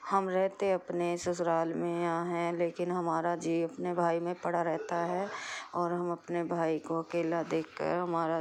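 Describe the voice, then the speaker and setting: A young woman speaks to her prayer group in a slow, pleading testimony and repeats her appeals. Her voice is low and gravelly, and her delivery stays very flat. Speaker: devotee sharing a prayer testimony.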